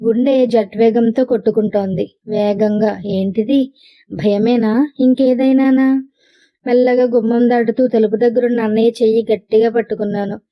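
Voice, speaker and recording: A woman narrating a first-person story in a lively, expressive way. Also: on the high side, normal speed, lo-fi sound. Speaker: audio novel narrator.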